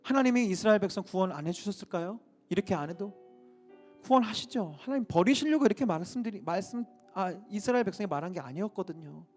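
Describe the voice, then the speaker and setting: Man, pastor, impassioned sermon, rhetorical questions, very high voice, faint music behind. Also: animated, quick pace, darkish tone.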